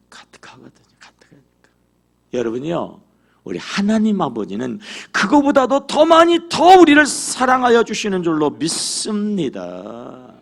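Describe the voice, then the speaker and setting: A man preaching a sermon in a church with a high, gravelly voice. His pitch swings widely as he acts out prayers and quizzes the congregation. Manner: animated, acts out quoted prayers and dialogue; asks the congregation questions. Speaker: pastor. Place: church sanctuary.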